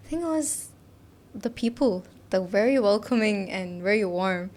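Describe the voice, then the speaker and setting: A woman's voice: medium pitch, animated, moderate pace, darkish tone. A young woman, a student guest on a podcast, chatting cheerfully with frequent laughs and fillers like "like" and "you know.". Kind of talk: casual interview chat. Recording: faint background noise in a studio.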